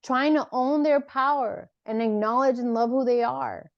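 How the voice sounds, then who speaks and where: A woman's voice: sits high, normal speed, vocal fry, no room sound, dull audio. A woman, an actor and author, talking earnestly as a podcast guest about her spiritual path, often tagging her thoughts with "like" and "right?". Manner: earnest, rambling, peppered with "like" and "right?". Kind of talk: reflective spiritual conversation.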